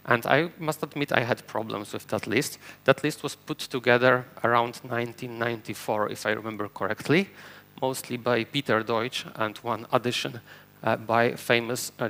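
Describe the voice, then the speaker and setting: With a mid-range, fairly bright voice, this Polish-accented conference speaker, a native Polish speaker from Poland, presents a technical talk on stage to an audience. He works through it step by step, using fillers and restarting sentences.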